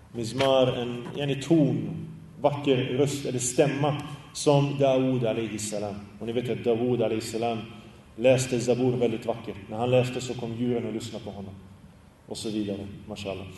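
Recorded from a distance in an echoey, big-sounding room with a little hiss or hum, a man with a warm, mid-range voice teaches an Islamic study class. He poses questions to the class and answers them, and he recites Arabic quotations in a sung tone.

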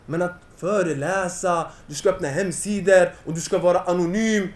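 Young male lecturer, high-pitched, fervent, echoey hall sound. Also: fairly even intonation. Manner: impassioned, rising to near-shouting. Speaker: Islamic lecturer. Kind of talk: Islamic lecture to young audience.

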